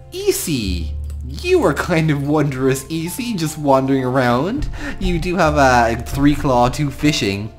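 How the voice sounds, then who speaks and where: An Irish gaming host improvises storytelling commentary over a game, speaking affectionately to the creatures. His mid-range voice is very animated but unhurried, with faint music in the background.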